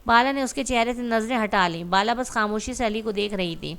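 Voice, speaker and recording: A woman reads a romantic story aloud in a steady, even narration. Her voice sits a little high for a woman. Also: creaky, smooth.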